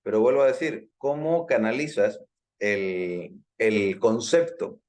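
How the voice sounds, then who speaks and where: A man's voice: on the low side, animated, slow pace, darkish tone. A man teaching a live online hypnosis class, explaining at length, repeating his points and checking in with his listeners. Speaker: hypnosis instructor.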